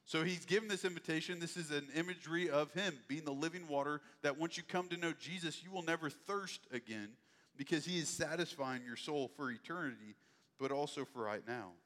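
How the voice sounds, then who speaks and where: A man's voice: fairly high pitch, a little fast, fairly bright tone, big-room sound. A man preaching a sermon in a conversational, folksy way. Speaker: pastor.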